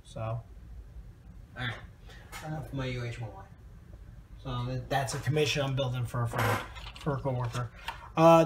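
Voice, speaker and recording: A man's voice: medium pitch, slight background noise. A tired man giving a rambling, casual review of a plastic model kit, with lots of ums and uhs.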